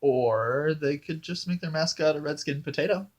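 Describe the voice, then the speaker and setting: A man trades pun punchlines with his partner in a live comic bit. His delivery is dry and deadpan. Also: a little high, normal speed, muffled recording. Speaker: comedy performer.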